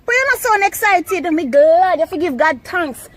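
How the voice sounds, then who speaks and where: A woman with a Jamaican accent chatting casually and excitably, with lots of exclamations. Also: extremely high pitch, normal speed, dry recording. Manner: exclamatory, animated. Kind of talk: casual, excitable phone chat.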